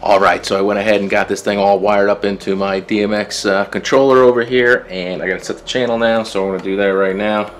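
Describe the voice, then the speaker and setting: A man's voice: fairly low pitch, fairly even intonation, fast, few pauses, soft background music. A man reviewing DJ lighting gear in a casual, chatty vlog, thinking aloud as he sets up. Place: indoor room with DJ gear.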